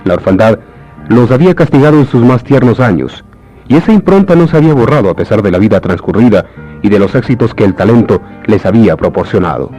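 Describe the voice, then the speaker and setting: A man's voice: on the low side, animated, quick pace, dark tone. A man playing the solemn narrator of a historical radio serial in an old announcer's style. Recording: dull lo-fi radio recording, music behind. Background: music.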